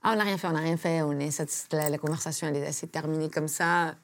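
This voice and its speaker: Lively woman from Belgium telling stories. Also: deep voice, fast, a little hiss or hum. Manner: lively storyteller, acts out quotes, laughs often. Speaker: guest comedian. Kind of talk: animated anecdote telling.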